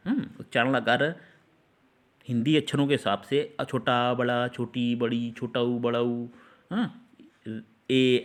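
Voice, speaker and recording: A man teaching an English grammar lesson, explaining step by step, repeating words and asking the class questions. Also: medium pitch.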